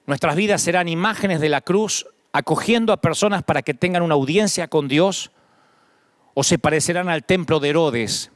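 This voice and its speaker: A man's voice: a little high, moderate pace, no echo, clean studio sound. A middle-aged man with an Argentine accent, preaching a sermon as pastor, building repeated lists with rising emphasis. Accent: Argentine Spanish.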